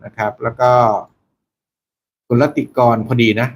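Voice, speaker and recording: A man's voice: mid-range voice, fairly even intonation, measured pace, breathy edge. A man hosting a casual live stream, chatting with viewers and reading out their names, peppering his talk with polite particles.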